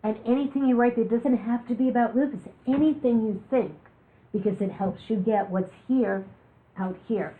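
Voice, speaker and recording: A woman's voice: on the high side, moderate pace. A woman giving a talk on living with chronic illness, telling candid personal stories with jokes. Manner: candid, joking storyteller. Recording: lo-fi, phone-like recording.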